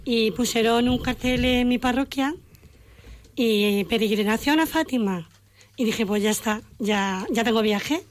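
A woman's voice: a little high, unhurried. Chatty middle-aged woman. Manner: warm storytelling, emotional, quotes family in dialogue. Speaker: radio guest. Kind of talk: casual radio chat.

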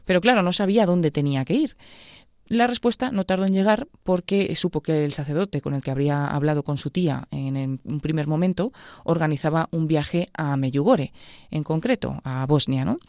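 A woman radio presenter retelling someone's testimony in a conversational, measured way. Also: low-pitched, a little mellow, no echo, studio quality.

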